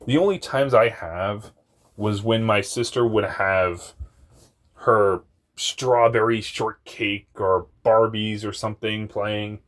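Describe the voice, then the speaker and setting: A young vlogger with a very deep voice tells a personal story, rambling candidly, frequently laughing at himself and swearing.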